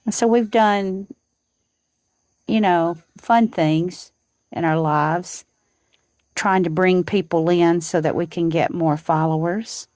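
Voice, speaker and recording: A woman, softly chatting with viewers on a live stream from her porch. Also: on the low side, fairly even intonation, takes it slowly, pauses often, dry recording. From Southern United States. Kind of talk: casual chat on a live stream. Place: outdoors on a home porch at dawn.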